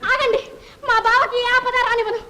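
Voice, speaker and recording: A shrill, defiant young heroine. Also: female voice, racing, sharp tone. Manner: pleading, defiant outbursts. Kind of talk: 1950s film melodrama acting.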